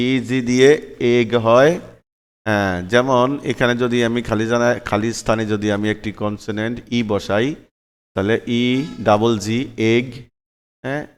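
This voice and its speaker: A male teacher spells out short words slowly and deliberately. He has a smooth, clear voice, and the recording carries a long hall reverb. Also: medium pitch. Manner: slow, drawn-out spelling then quicker recaps. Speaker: English reading teacher. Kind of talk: spoken phonics lesson.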